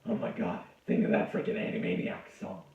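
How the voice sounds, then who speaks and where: A man's voice: fairly quick, darkish tone. A man giving a crude, rambling comic history lecture, cursing and interrupting himself. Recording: echoey, distant, dull lo-fi room sound.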